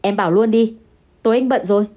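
A woman's voice: a little high, fast talker, dark tone, lightly acted. A woman voicing an irritable young husband who answers curtly in an audio story. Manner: curt, dismissive. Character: irritable young husband, curt and money-proud.

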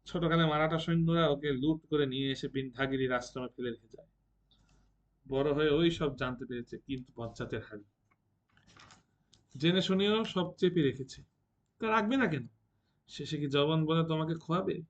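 A man's voice: a little high, normal speed, long pauses, muffled recording, lightly acted. A man putting on a drunk, mocking young warrior. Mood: drunken taunting. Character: drunken taunting young male monk-warrior.

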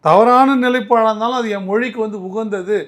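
A man's voice: high-pitched, steady tone, fairly quick. A man answering as a political commentator in an interview, arguing emphatically and often restarting his words.

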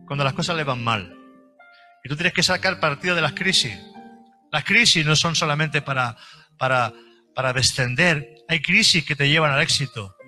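A man's voice: a little high, bright, forceful tone. A middle-aged man, preaching a sermon as pastor in an emphatic, repetitive way with homely examples.

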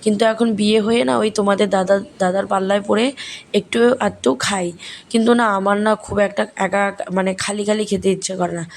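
A young woman with a hoarse voice, chatting softly to her viewers in a casual vlog voice-over recorded at home. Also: mid-range voice, fairly even intonation, a little fast, slight background noise. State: hoarse, sore throat. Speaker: family vlogger. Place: home at night, voice-over while editing.

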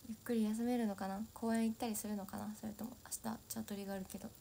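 A woman's voice: medium pitch, flat delivery, very fast, vocal fry, mellow, slight background noise. A young woman idol, chatting casually and giggling as she answers viewer comments on a solo livestream. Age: young adult.

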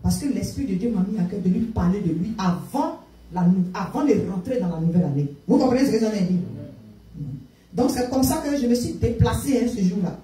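A woman's voice: mid-range voice, fairly quick. African-accented woman preacher in an echoey hall. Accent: African French. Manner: animated storytelling, switching between French and English. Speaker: prophetess preaching. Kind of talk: sermon with storytelling. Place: church sanctuary. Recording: echoey room, distant from the mic.

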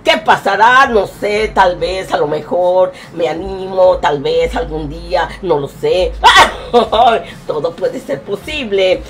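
A woman's voice: fairly low pitch, lively intonation, takes it slowly, few pauses, noisy background. A woman with a Mexican accent, streaming a game live and fondly greeting viewers in chat. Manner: affectionate, calls viewers "my love", sings snatches.

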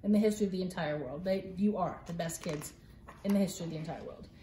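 This time her voice is lowish and warm, and she reads fast as the middle-aged woman performs a children's picture book with theatrical playfulness and mock-exasperated asides. Recorded at home in the living room by a phone camera a few feet away, the sound is roomy with slight background noise.

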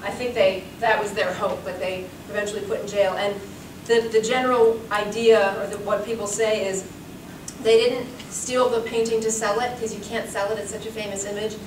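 With a medium pitch, steady tone, and normal speed, a woman in her forties, working as a curator, gives a talk built on anecdotes, chatty and frequently laughing. She addresses an audience in a seminar room, picked up by a far-off room mic amid echo and background hiss.

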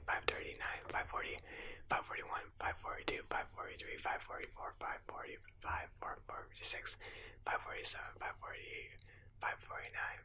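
Casting: young man, ASMR, breathy and very crisp whisper, counting steadily under breath. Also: bright, forceful tone. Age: young adult. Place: living room at home, indoors.

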